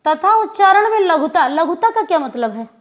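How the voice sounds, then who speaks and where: A woman teaching Hindi grammar in a lecture style, speaking deliberately and repeating example words to demonstrate how they sound. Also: very high voice, big pitch swings, lo-fi sound.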